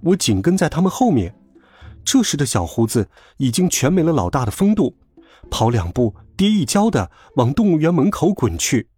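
Male storybook narrator, husky, highly animated delivery. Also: moderate pace, no room sound. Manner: lively, expressive reading.

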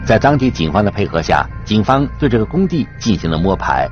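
Low-voiced male true crime narrator, very animated. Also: fairly quick. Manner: dramatic storytelling with rhetorical questions. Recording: dull sound with music behind. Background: clear background music.

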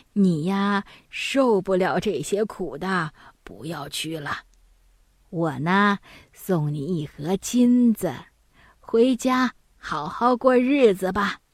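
A woman voicing a calm, knowing old mountain granny who speaks slowly in a low, hushed voice, in a storybook reading. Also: no room sound, studio quality. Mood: teasing.

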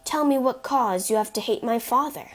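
A woman's voice: a little high, normal speed, pitched above the performer's own voice, natural voice. A woman voicing an anxious young nobleman who speaks earnestly in a slightly raised voice. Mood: tense.

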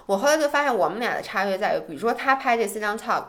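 A woman co-hosting a podcast in casual chat, animated and self-deprecating, speaking with a tinge. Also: medium pitch, rapid-fire. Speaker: podcast co-host.

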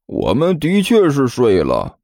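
A man's voice: a little high, very animated, measured pace, warm tone, dry recording, studio quality, pitched above the performer's own voice. A male narrator voicing a meek young male apprentice who stammers and answers hesitantly in an audiobook story. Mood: annoyed.

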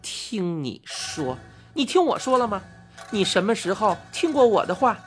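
A woman voicing Chang'e, a vain, quick-tempered young wife who scolds shrilly, for a spoken storybook. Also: lowish voice, big pitch swings, soft background music. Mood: scolding.

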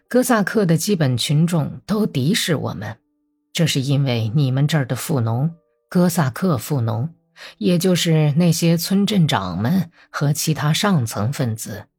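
A woman's voice: sits low, expressive, darkish tone, breathy edge, soft background music, full character voice. A woman doing a cold, methodical old Bolshevik. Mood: cold lecturing. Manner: slow, level, lecturing. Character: elderly calm Bolshevik man, cold and methodical.

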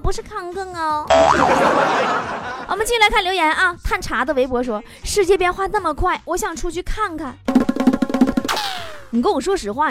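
Teasing high-voiced woman. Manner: teasing, laughs often between lines. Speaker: radio-style host reading listener messages. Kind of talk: playful casual chat. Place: alone in a room recording. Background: background music.

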